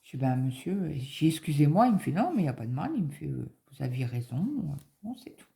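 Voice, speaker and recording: Middle-aged woman vlogger, casual rambling chat, low dark gravelly voice. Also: very animated, quick pace. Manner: rambling, many fillers, acts out quoted dialogue. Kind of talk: casual chat, retelling an appointment.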